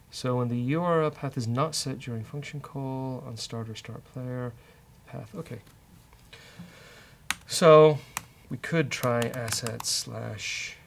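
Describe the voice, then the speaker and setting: A man with a gravelly, mid-range voice hosts a relaxed coding session, muttering hesitantly and thinking out loud as he works. He is a developer and show host, and there's faint noise in the background.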